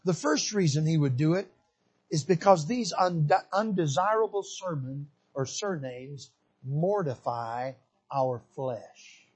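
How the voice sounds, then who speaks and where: A man preaching a sermon, repeating his phrases for emphasis and building to fervent shouts. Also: a little high, breathy edge, dull audio.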